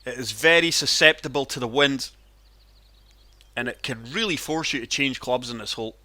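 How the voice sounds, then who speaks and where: Here a gaming channel host plays a golf game and chats about it casually, his chest audibly rattling from a cold. The voice is medium in pitch and sharp in tone, delivered at an ordinary speed.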